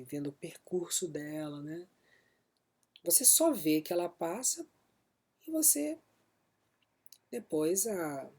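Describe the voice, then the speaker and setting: Calm Brazilian therapist, husky and mellow. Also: male voice, a little high. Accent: Brazilian Portuguese. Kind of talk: explanatory self-help talk.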